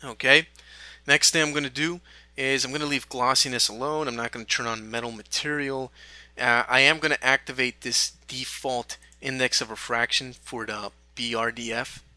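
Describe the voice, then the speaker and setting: Guy narrating a software tutorial, chill step by step, super bright voice, dead dry mic. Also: medium pitch, normal speed, dry recording. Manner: relaxed step-by-step explaining with fillers. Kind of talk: screen-recorded software tutorial.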